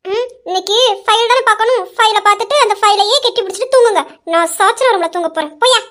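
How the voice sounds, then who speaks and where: A woman's voice: very high-pitched, fast talker, fairly bright tone. A woman voicing a sulky, bratty young wife who whines and scolds to get attention, in a fan audio drama. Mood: scolding. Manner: whiny, teasing, scolding.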